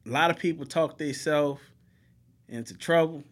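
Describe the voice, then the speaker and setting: A man with a slightly high voice tells police stories with lots of energy, jumping between voices as he acts out both sides. His speech is loose and slangy, and he swears freely. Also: moderate pace. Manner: animated storyteller, acts out both sides of traffic stops. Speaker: police officer guest. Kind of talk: casual podcast chat.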